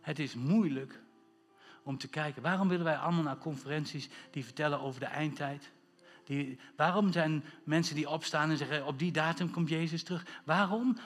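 A man's voice: on the high side, big-room sound. A man preaching a sermon as pastor, emphatic, drawing out words for stress and asking rhetorical questions.

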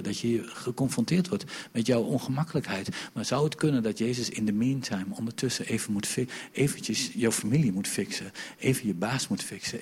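A man preaching a lively sermon in a church, joking with the congregation and moving between loud and soft delivery. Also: medium pitch. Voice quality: very husky.

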